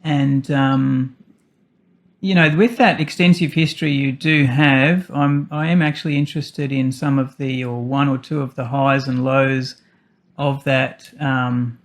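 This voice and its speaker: Flat-voiced male podcast host. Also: medium pitch, a little slow. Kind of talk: interview questions.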